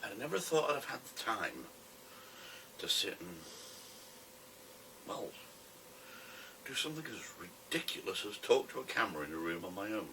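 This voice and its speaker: A British man with a smoker's rasp, rambling casually to camera in a wry, self-deprecating way. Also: fairly low pitch, sing-song, moderate pace, long pauses. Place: a room at home, alone. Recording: distant camera mic with faint noise.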